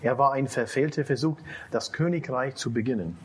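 A man interpreting a lecture consecutively, halting often and repeating key phrases. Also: medium pitch, a little hiss or hum.

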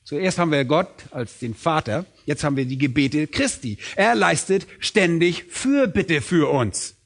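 Middle-aged guy preaching, bit high voice, emphatic, asks then answers himself. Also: animated, measured pace, fairly bright tone. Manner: emphatic, asks and answers his own questions. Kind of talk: sermon.

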